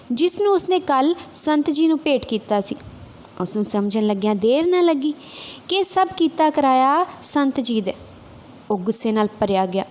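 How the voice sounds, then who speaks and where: A woman with a high, light voice narrates a moral tale, steady and clear, adding some emphasis. Her delivery carries the measured rhythm of a devotional storyteller.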